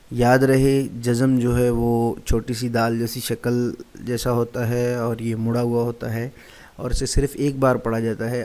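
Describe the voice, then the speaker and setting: A man with a voice of middle pitch leads a Quran reading lesson. He talks to his students plainly and patiently. He drills each syllable over and over. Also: mellow. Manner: patient, repetitive drilling of sounds. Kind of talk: recitation lesson, spelling out syllables.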